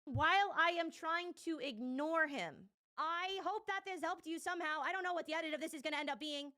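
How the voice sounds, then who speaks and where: A woman's voice: very high-pitched, fairly quick, sharp tone. A young woman streamer giving rambling, exasperated commentary on clips, swearing a lot. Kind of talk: casual commentary reacting to clips.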